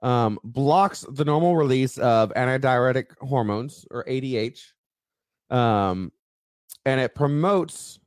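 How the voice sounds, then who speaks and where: A man co-hosting a podcast, explaining a news story at length in a loose, rambling way with many pauses. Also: mid-range voice, no room sound, clean studio sound. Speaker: podcast co-host. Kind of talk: casual chat.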